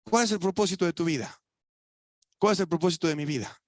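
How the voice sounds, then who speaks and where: A young adult man with a Mexican Spanish accent preaching a sermon in a church, colloquial, asking the audience rhetorical questions and swinging between loud emphatic lines and quiet asides. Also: on the high side, fast, no echo, clean studio sound.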